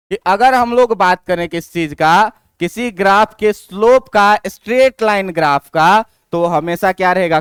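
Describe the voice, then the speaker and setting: High, clear-voiced male teacher. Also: fairly bright tone, dry recording, clean studio sound. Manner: asks and answers his own questions, checks if students follow. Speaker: physics teacher. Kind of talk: classroom lecture.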